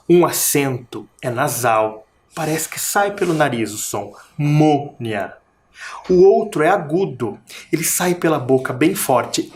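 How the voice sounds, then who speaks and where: Lively Brazilian teacher sounding out syllables. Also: male voice, on the high side. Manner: stretches and stresses syllables, asks pupils questions. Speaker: primary school teacher. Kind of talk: recorded video lesson for children.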